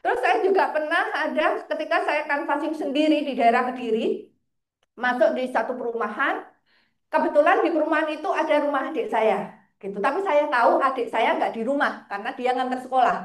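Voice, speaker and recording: A woman, a financial planner telling lively stories in a casual interview, often laughing. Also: high-pitched, quick pace. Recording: roomy echo.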